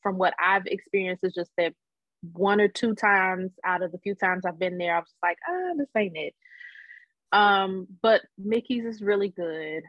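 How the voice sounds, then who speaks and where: A woman in her thirties chatting casually about food in a relaxed, candid way. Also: medium pitch, normal speed, no room sound, muffled recording. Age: 30s. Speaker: podcast guest. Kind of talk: casual chat.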